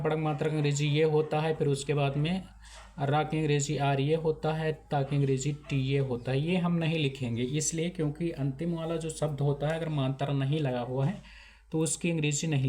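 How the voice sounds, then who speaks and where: Male teacher, slightly high voice, slow repetitive step-by-step delivery. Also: a little mellow. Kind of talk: handwriting lesson.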